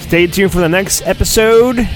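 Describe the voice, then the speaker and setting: A high-pitched man hosts a podcast, putting on a mock-dramatic, theatrical storybook reading with drawn-out lines and silly, meandering asides. Soft music plays in the background.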